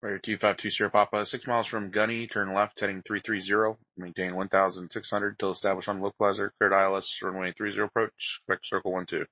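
Man, air traffic controller, very quick, clipped procedural phrasing, dry muffled radio sound. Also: fairly low pitch, little pitch movement, pushed and bright, no echo. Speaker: air traffic controller in an online flight simulation. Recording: dry, dull band-limited radio audio.

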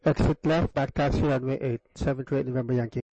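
A man's voice: medium pitch, fairly even intonation, fast talker, background noise. A man playing a pilot, speaking through a cockpit headset and giving clipped, formal radio readbacks that end with his callsign. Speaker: pilot on a flight simulator network. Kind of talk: radio calls to air traffic control.

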